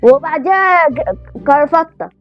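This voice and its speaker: A performer voicing an excitable, nagging young child who repeats and exclaims insistently in a family comedy sketch. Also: high-pitched, a little slow, lo-fi sound, faint music behind. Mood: eager, demanding.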